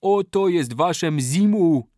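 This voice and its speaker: A man's voice: on the high side, expressive, slow pace, warm tone, no echo, clean studio sound, voice pushed up. A man voicing a young African boy who pleads in a voice breaking with emotion, in an audiobook. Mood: mocking triumph.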